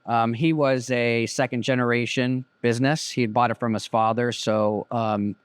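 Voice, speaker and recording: A business owner in his fifties, a guest in a casual interview, tells his story plainly and reflectively, dropping in plenty of "you know" fillers. His medium-pitched voice is smooth, with little pitch movement, at a normal speed, recorded without echo.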